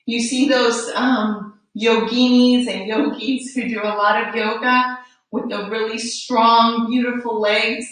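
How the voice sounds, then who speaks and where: A woman teaching a live yoga class, calmly guiding breaths and poses with encouragement, a little out of breath. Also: on the high side, slow pace. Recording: roomy echo, distant mic.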